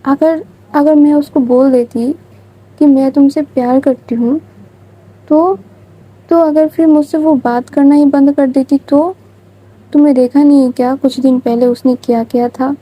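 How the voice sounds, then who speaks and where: A woman's voice: high-pitched, fairly even intonation, unhurried, mellow, poor audio. A woman voicing a heartbroken young woman, hurt and pleading as she explains her hidden love, in a storytelling reading. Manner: pleading, hurt self-justifying.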